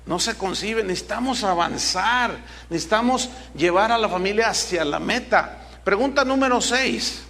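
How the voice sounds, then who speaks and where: A man's voice: high voice, expressive, normal speed, few pauses, bright, forceful tone. A middle-aged man preaching a sermon as pastor, emphatic and full of rhetorical questions.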